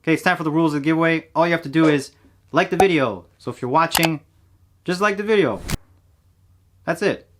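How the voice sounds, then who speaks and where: A man in his thirties, a cosplay prop maker, talks through his build steps in a relaxed, plain way in a casual tutorial voice-over. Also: on the high side, fairly quick, long pauses, noisy background. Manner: relaxed, plain step-by-step explaining. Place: home workshop, indoors.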